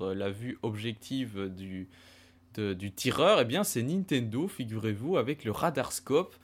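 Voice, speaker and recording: A man hosting a casual retro gaming podcast discussion, talking with many hesitant fillers. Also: mid-range voice. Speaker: podcast host.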